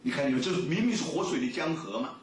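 Guy preaching a sermon, pitch jumping all over, sounds far from the mic. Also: a little hiss or hum. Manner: lively storytelling, many drawn-out fillers. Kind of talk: sermon with Bible reading. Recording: echoey room, mic at a distance.

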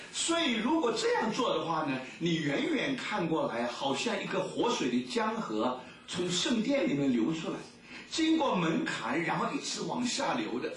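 A man preaching a sermon and reading scripture aloud, telling the story in a lively way and stretching out his filler words. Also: on the high side, slight background noise. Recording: echoey room, mic at a distance.

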